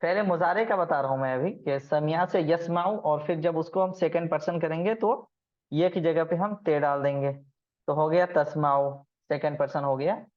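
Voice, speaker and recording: A man's voice: fairly high pitch, normal speed, highs cut off. Man teaching Arabic grammar online. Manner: patient, explains step by step and quizzes students. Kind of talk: online class lesson.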